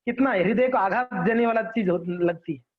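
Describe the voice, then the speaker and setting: A man's voice: high voice, normal speed. A man giving a conversational devotional class, checking in with listeners and acting out examples. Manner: conversational teaching with frequent check-ins and acted examples. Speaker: devotional lecturer. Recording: dull lo-fi recording.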